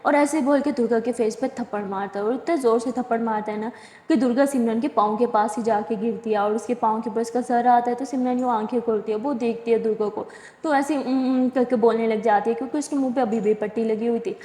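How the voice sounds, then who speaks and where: A woman's voice: fairly high pitch, steady tone, fast talker, dark tone. A woman telling a love story in a chatty, casual way and correcting herself as she goes. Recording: echoey room with long reverb.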